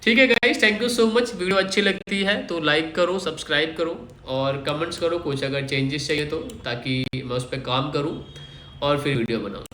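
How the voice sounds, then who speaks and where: Male trading host, casual explainer, checks in with listeners often; tense bright tone, roomy recording. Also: on the high side, moderate pace, slight background noise. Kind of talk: casual chart walkthrough. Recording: echoey room.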